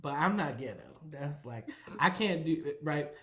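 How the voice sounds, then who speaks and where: A man's voice: on the high side, lively intonation. A man who is a pastor, chatting casually on a home vlog, teasing his partner and telling stories with frequent laughter. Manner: playful, teasing, laughs often, drawn-out storytelling. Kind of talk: casual chat.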